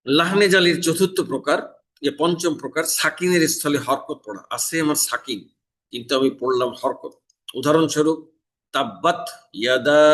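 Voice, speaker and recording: Quran teacher explaining recitation rules. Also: male voice, on the high side, a bit bright. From Bangladesh. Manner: explains each error, then recites the verse slowly and drawn out. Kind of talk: tajweed lesson with recited examples. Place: mosque in Dhaka.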